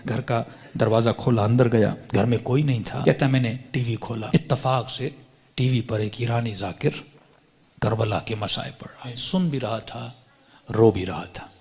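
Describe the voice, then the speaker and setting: A man's voice: mid-range voice, vocal fry, breathy edge. A male preacher telling a story in a sermon with passion, acting out the dialogue as he goes. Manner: impassioned, acting out quoted dialogue.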